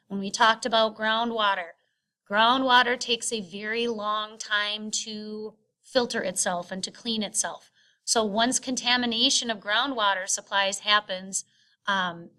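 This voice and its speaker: Bright-voiced woman teacher narrating a screencast lesson. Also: medium pitch. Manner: halting, explanatory teaching delivery with frequent filled pauses. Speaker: science teacher. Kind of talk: recorded lecture narration, explanatory screen recording. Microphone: screen recording voice-over.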